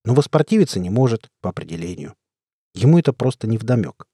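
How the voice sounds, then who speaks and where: A man narrating an audiobook in the first person, telling the story in a steady way. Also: on the low side, quick pace, husky, no echo, studio quality. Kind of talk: scripted narration.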